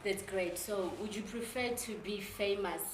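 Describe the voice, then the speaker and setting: Young female interviewer, South African accent. Medium pitch, informal questioning, echoey room with slight noise. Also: unhurried. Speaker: show host, interviewer. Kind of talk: casual interview.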